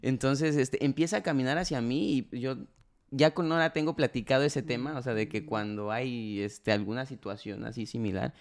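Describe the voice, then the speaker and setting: A man's voice: mid-range voice, moderate pace. A young adult man with a Mexican accent, a podcast guest telling a story in casual, slangy talk. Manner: animated storyteller, slangy, acts out quoted voices.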